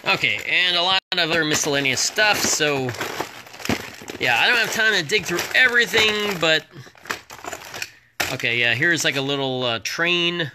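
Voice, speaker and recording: A man's voice: expressive, moderate pace, pauses often, noisy background. A man presenting items as a home shopping host in a casual, unscripted, rambling and hesitant way. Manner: rambling, hesitant item-by-item pitch with prices.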